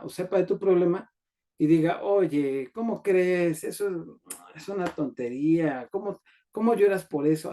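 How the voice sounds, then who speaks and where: A man's voice: fairly high pitch, warm tone. A man from Mexico, a radio host and life coach telling a story in a conversational way, often ending phrases with a question and acting out the people he quotes. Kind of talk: storytelling talk.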